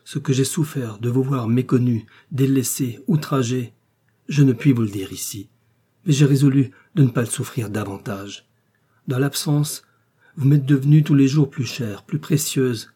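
A man reading the lines of a pale, impassioned gentleman who pleads earnestly, in halting phrases. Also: mid-range voice, husky, natural voice. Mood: pleading passion.

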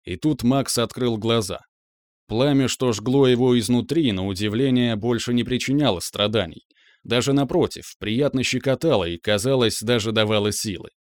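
A man narrating an audiobook in a steady, expressive storytelling voice. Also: mid-range voice, normal speed, no room sound, studio quality.

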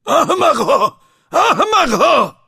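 A man voicing a frantic old male donkey in an audiobook, with a raspy, gravelly voice and shrill alarmed shouting. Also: big pitch swings, no room sound, clean studio sound, heavily acted. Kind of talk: audiobook character voice.

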